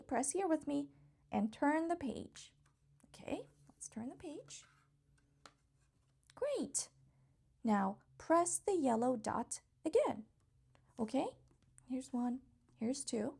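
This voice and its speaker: Reading a picture book aloud to young kids, this female host talks right to them in a warm, high voice that swoops as she goes. Her pace is unhurried and her manner coaxing and encouraging, with slight husky fry and playful exclamations along the way.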